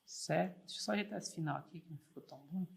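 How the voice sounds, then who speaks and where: A man's voice: fairly high pitch, rapid-fire, creaky. A man teaching an online music theory lesson, patient and encouraging, often checking in with the learner and singing single sustained notes while clapping the beat.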